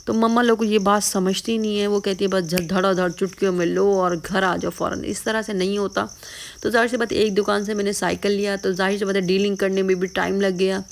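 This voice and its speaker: A woman's voice: mid-range voice, level tone. A tired woman, chatting casually to her viewers in a vlog. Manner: chatty, tired, often addresses viewers as "janab". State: hoarse, tired voice. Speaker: vlogger.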